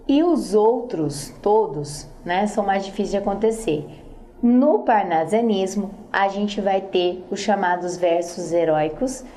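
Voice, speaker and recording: A woman's voice: medium pitch, dark tone, a little hiss or hum. A woman teacher explaining poetry scansion in a recorded lesson, speaking straight to the student and often checking in with short tag questions.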